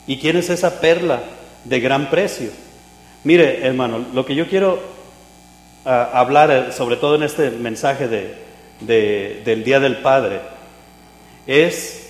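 A man preaching a sermon, telling a humorous personal story with loud exclamations and quiet asides. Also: a little high. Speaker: pastor. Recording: echoey hall with mains hum.

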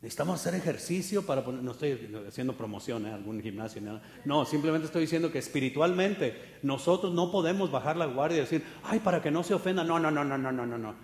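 Fervent preacher in an echoey hall. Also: male voice, fairly high pitch, animated, fast talker, hardly any pauses, slight background noise. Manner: fervent, swinging from loud exhortation to quiet asides. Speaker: pastor. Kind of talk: sermon.

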